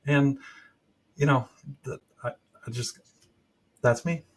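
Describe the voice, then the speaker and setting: A man's voice: medium pitch, takes it slowly. A man with an Arkansas twang, chatting casually as a podcast co-host. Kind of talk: casual chat.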